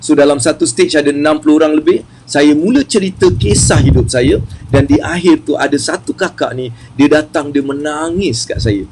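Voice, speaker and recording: Lively chatty man giving a motivational talk. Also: on the high side, moderate pace, noisy background. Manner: lively, chatty, repeats phrases for emphasis. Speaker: motivational speaker on wealth.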